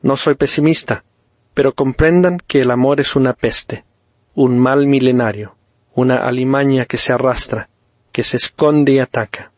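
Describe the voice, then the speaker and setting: A man playing a solemn, pompous doctor who lectures gravely with theatrical pauses. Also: mid-range voice, steady tone, no room sound, close to an everyday voice. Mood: grave lecturing. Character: solemn middle-aged male doctor, pompous.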